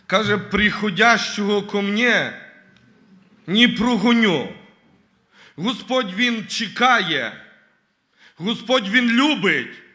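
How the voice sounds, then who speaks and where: Earnest man giving church testimony, high and sharp. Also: lively intonation, slow pace, pauses often. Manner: earnest, repeats "you know" and "brothers and sisters" often. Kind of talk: church testimony with scripture reading. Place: church service.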